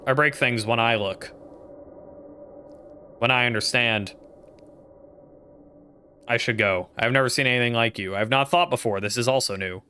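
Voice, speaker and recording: A man voicing a strange alien being that haltingly learns feelings, speaking in flat, awkward phrases while reading a text game aloud. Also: mid-range voice, slight background noise, lightly acted. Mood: wondering. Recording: music playing behind.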